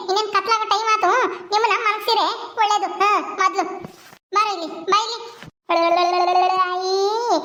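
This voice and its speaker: Fast-talking high bright young woman. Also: reverberant. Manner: fast, chatty, coaxing crying babies. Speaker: young mother of infant twins. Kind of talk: casual home vlog talk.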